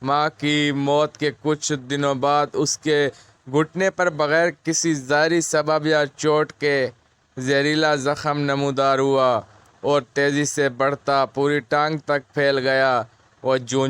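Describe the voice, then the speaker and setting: A man, narrating a moral story in a measured, earnest way. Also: mid-range voice, fairly bright tone, smooth, dry recording.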